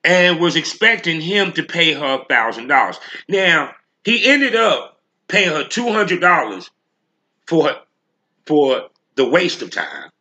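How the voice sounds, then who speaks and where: A man's voice: on the high side, very animated, slow pace, sharp tone. A man hosting a solo podcast rant, speaking bluntly and emphatically with heavy slang and profanity. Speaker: podcast host.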